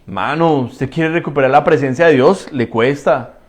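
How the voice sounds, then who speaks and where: A man's voice: medium pitch, normal speed. A man preaching a sermon as pastor, asking rhetorical questions and answering them himself, repeating phrases for emphasis and speaking straight to the congregation. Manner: addresses the congregation directly.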